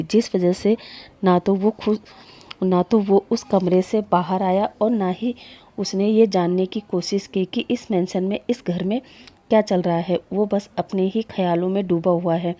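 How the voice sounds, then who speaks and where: A woman hosting a storytelling channel, retelling a fan story in a steady, conversational narration. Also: mid-range voice, muffled recording.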